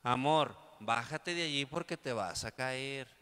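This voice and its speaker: A man's voice: medium pitch, unhurried, fairly bright tone, smooth, long reverb tail, pitched below the performer's own voice, close to an everyday voice. A man with a Mexican accent voicing a young mother who coos at her child, then screams at him in rage. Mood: coaxing.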